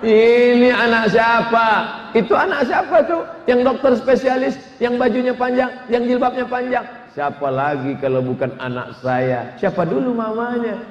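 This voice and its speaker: A male preacher voicing a boastful middle-aged mother who scolds her husband in a high, whiny, shouting voice. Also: moderate pace, lo-fi sound. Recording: echoey hall with long reverb.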